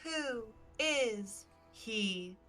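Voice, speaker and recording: A woman voicing an uncanny, taunting talking tree in a tabletop game, with slow, halting, drawn-out words. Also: fairly high pitch, expressive, fairly bright tone, soft background music, full character voice. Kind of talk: tabletop role-play.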